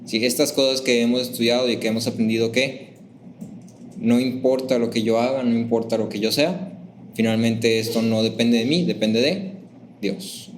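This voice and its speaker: A man teaching a church class in a conversational, lively way. He asks the class questions and acts out sample phrases in a raised voice. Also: mid-range voice, normal speed, a little hiss or hum.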